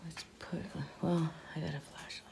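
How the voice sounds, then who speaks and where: A middle-aged paranormal vlogger whispers her way through a casual ghost-hunting vlog in a large old cellar, nervous and swearing casually. Her low, gravelly voice is dark and level-toned, at a moderate pace. The camera moves from a tripod to handheld, and she sounds distant in the echoey basement.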